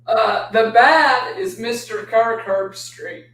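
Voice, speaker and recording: A man's voice: sits high, slow pace, a bit bright. A man co-hosting a sports podcast, laid-back and chuckling often as he talks. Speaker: podcast co-host. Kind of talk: casual sports podcast chat. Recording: roomy, distant mic with hum.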